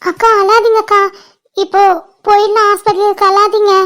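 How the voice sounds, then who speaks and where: An anxious, caring young girl, played by a woman who hurries to calm and reassure. Her cartoon voice is very high and held to a flat, even tune. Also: moderate pace. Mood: anxious soothing. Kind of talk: cartoon voice acting.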